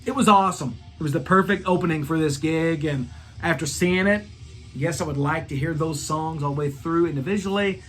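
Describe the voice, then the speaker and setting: A man hosting a rock review channel, talking excitedly and profanely about a concert and singing bits of the songs. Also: fairly high pitch.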